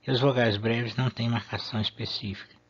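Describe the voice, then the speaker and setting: A man, explaining a lesson in a measured way and pausing to rephrase himself. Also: medium pitch, steady tone, husky, lo-fi sound. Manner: measured, with restarts and fillers. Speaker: Latin teacher.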